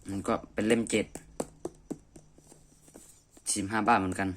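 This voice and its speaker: At normal speed and with flat delivery, a man with a lowish voice thinks aloud in an informal, unscripted review. He's in a messy room indoors, and the amateur recording has clear noise.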